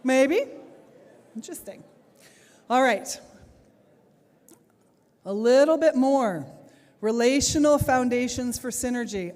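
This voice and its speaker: A woman's voice: fairly high pitch, darkish tone. A woman giving a plenary talk to teachers at a conference, engaging the audience with questions and laughing often. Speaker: plenary speaker, teacher trainer. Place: large conference hall. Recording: hall reverb on the voice.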